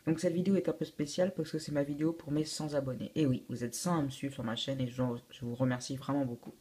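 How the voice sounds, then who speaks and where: A teenage boy presenting his Lego build for his channel in a casual, halting way, often restarting his sentences. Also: fairly high pitch, fairly even intonation, warm tone. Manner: hesitant, many fillers and restarts. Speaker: YouTube host showing a Lego build. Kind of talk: casual video walkthrough.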